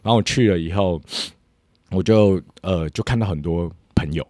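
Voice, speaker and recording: A man's voice: deep voice, normal speed, darkish tone, no echo, clean studio sound. A man in his thirties chatting casually as a podcast host, telling a rambling story and laughing often. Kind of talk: casual chat.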